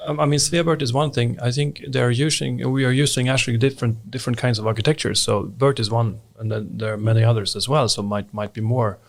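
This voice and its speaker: A man in his forties, speaking as a podcast guest. His voice has a gravelly, fry-tinged edge. He talks thoughtfully and drops in short agreements. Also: medium pitch, fairly even intonation, fast, few pauses. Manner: thoughtful, frequent brief agreements. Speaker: guest researcher. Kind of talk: casual podcast discussion.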